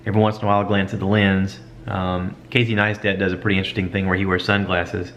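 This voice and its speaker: A man's voice: deep voice, little pitch movement, fast, fairly bright tone. A man vlogging in a casual, rambling, self-deprecating way, like an informal podcaster talking to viewers. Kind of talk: casual chat, stream of consciousness. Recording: dull lo-fi camera audio, light background noise.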